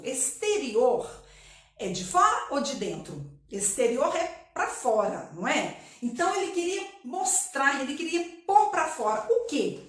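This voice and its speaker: A woman teacher with a Brazilian accent, her high voice rising and falling in lively swings. She talks her pupils through the lesson patiently, asking questions and answering them herself. The recording is very echoey, as if made in a bare room. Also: recorded from a distance. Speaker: primary school teacher. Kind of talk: recorded online class.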